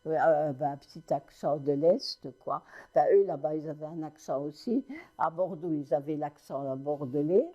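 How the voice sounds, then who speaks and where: An elderly woman in her nineties, from Lorraine in France, recounts her family's past for an interviewer. Her voice sits a little low with a dark, mellow tone. She tells it haltingly, backtracking and restarting often. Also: dull audio. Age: 90s. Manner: halting storytelling with many restarts. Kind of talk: oral history recollection.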